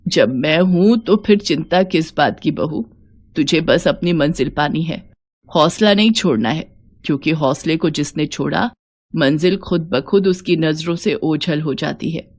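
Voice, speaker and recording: Woman doing a sweet old mother-in-law, talks slow and low and soft, cartoon story. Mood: encouraging. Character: elderly kind mother-in-law, patient and loving.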